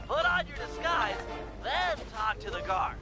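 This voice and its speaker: Brief: high-voiced, careful heist planner, precise and instructive, video game. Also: male voice, very animated, a little slow, over loud music, heavily acted. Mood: earnest briefing. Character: brainy, careful male heist planner on the radio.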